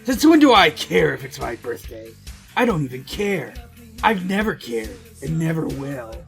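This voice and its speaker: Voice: medium pitch, big pitch swings, normal speed, vocal fry, faint music behind. A podcast host voicing a grumpy, dismissive male hedgehog antihero from fanfiction. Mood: angry, dismissive.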